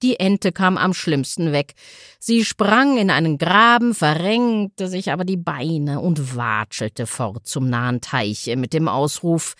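Slow, expressive woman reading a fairy tale. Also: deep voice, dry recording, studio quality. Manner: expressive, sing-song storytelling. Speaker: storyteller. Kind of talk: fairy tale read aloud.

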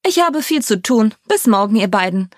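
A woman doing a brisk, busy young woman. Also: fairly high pitch, sing-song, no room sound, clean studio sound, voice pushed up.

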